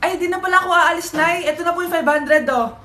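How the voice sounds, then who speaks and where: A woman playing a cheeky, slow-witted grown child who answers the mother politely in a comedy skit. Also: very high-pitched. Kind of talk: comedy skit role-play. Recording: roomy sound with loud background music.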